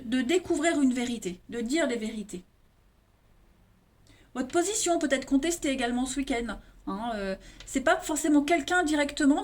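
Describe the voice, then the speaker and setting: Woman, high voice, chatty tarot reader, lots of fillers and restarts. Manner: chatty, many fillers and restarts, addresses viewers as friends. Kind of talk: casual tarot reading for viewers.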